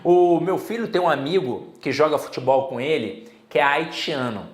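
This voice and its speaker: A man's voice: a little high, expressive, normal speed, reverberant. A middle-aged Brazilian man giving a casual exam-prep Portuguese lesson, chatty and full of personal stories. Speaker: Portuguese teacher.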